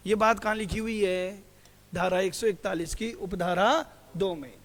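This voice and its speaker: A man's voice: high-pitched, a bit bright. A male teacher giving a classroom lecture who keeps asking his students questions, answers them himself, and calls them "beta". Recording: hall reverb.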